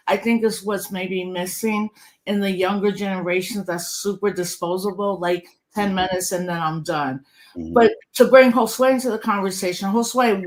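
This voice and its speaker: A woman's voice: medium pitch, low-quality recording. A woman hosting a casual conversation on a video call, speaking in an encouraging way as she brings in her guest. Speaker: host.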